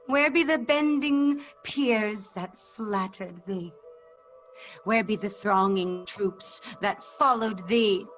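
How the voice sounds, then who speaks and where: A woman's voice: mid-range voice, fairly bright tone, soft background music. A woman playing a bitter, deposed old queen in classical verse, declaiming with scorn over a video call. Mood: bitter grief. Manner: declamatory, scornful, slow and deliberate. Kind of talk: classical verse stage acting. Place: remote video-call staged reading. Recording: dull video-call audio.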